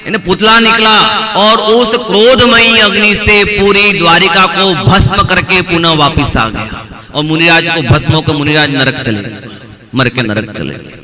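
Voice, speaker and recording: A man's voice: sits high, pushed and bright. A man giving a religious discourse as a pandit, preaching in a conversational way that often repeats phrases and addresses listeners by name. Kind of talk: sermon. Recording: noisy crowd in the background.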